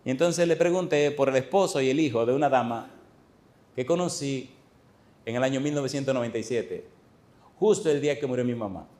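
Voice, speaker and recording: A middle-aged pastor preaches a sermon in church, telling stories with lively energy and putting questions to the congregation. His voice is mid-range and his pace is brisk.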